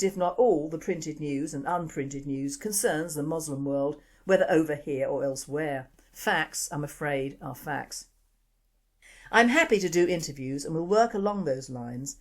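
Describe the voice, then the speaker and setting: A woman with a posh English accent presents a news podcast in a notably low voice. She reads steadily from a script and drops in dry, wry asides as she goes. Her delivery is measured commentary rather than casual chat. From England.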